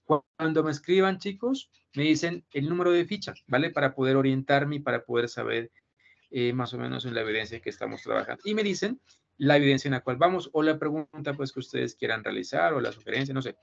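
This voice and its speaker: A man's voice: mid-range voice, fairly quick, vocal fry. A man, teaching an online class, reassuring his students and often checking that they follow. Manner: reassuring, repeats himself, keeps checking with "¿listo?". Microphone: video call. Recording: muffled video call audio with faint noise.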